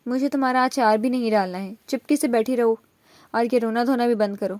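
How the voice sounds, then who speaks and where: A woman's voice: fairly high pitch, dry recording, natural voice. A woman voicing a young man who teases and reassures a frightened girl, in a storybook reading. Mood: teasing protective. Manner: mocking, soft-spoken. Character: teasing protective young man, mocking then tender.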